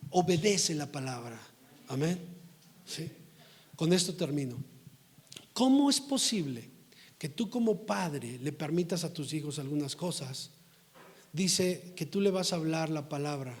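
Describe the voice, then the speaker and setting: Man, pastor, preaching, emphatic, scolding, fairly high voice. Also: measured pace. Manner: emphatic, scolding, rises to forceful outbursts. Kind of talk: sermon.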